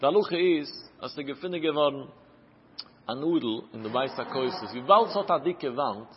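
A man's voice: medium pitch, animated, normal speed, slight background noise. A man with a Yiddish-inflected accent giving a Talmud lesson in a rising and falling study chant. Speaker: Torah teacher. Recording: muffled, echoey lo-fi hall recording.

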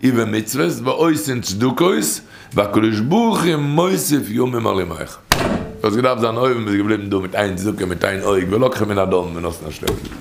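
A man's voice: fairly low pitch, normal speed, gravelly, a little hiss or hum. A man telling a story and teaching from a midrash in an informal, rambling way, often repeating phrases and restarting.

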